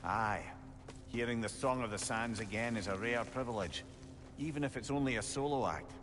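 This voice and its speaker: A man's voice: medium pitch, moderate pace, noisy background, natural voice. An actor playing a chatty, wise male companion in a video game, talking in a wry, talkative way.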